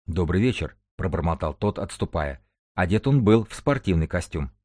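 A man narrating an audiobook in a measured storytelling manner. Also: low voice, expressive, dark tone, no echo. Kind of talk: scripted narration.

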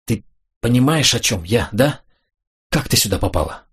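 A jittery young man on the edge of hysteria, as an audiobook narrator puts him on. His voice is husky, and he talks in an unsteady, bitterly amused way. Storybook reading. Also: medium pitch, lively intonation, normal speed. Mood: pleading.

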